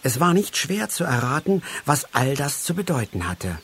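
A man narrating a storybook, reading aloud slowly and expressively. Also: on the high side, big pitch swings, slightly rough.

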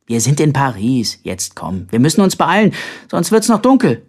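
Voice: medium pitch, big pitch swings, normal speed, darkish tone, husky. A reader voicing a tired young man minding his brother, firm and exasperated. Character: young man, weary older brother, patient but strained.

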